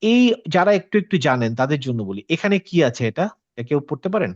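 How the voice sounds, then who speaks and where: Male tajweed teacher, slightly raised pitch, patient and questioning, dull dry lo-fi sound. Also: big pitch swings, fast talker, dry recording. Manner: patient, checks with students by asking questions; mixes English words into his talk. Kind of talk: interactive class explanation.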